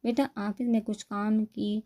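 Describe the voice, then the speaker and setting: A woman's voice: mid-range voice, flat delivery, lightly acted. A woman reading a novel aloud, voicing an affectionate middle-aged mother welcoming a young guest. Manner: gentle, affectionate.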